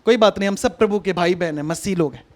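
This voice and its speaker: Brief: male preacher, very high voice, chatty and coaxing, repeats himself, sermon over a video call. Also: fast talker. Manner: conversational, coaxing, repeats instructions. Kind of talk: online sermon with a hands-on demonstration.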